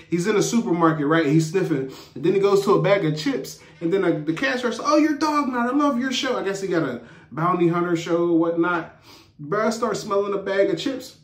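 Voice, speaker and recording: A man giving a casual, rambling, slang-filled recap of a TV episode as a show reviewer. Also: fairly high pitch. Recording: roomy echo.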